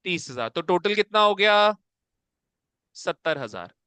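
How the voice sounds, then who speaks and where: High, bright-voiced teacher. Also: male voice, big pitch swings, a little slow, no echo. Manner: coaxing, calls students "beta", keeps asking if it is clear. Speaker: accounts teacher. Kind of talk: classroom lecture. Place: classroom with students present.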